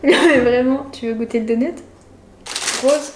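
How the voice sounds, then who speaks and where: A woman's voice: high voice, fairly even intonation, normal speed, noisy background. A young woman casually talking to her viewers while eating, chatty and giggly. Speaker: vlogger. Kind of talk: casual food challenge vlog. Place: home kitchen. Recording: echoey room with music behind.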